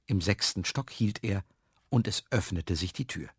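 A man reading a children's story aloud, expressive and lively. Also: low voice, normal speed, husky, dry recording, clean studio sound.

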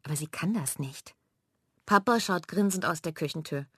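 A woman reading a children's story aloud in a lively, expressive way. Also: deep voice, normal speed, breathy edge, dry recording, studio quality. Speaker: narrator.

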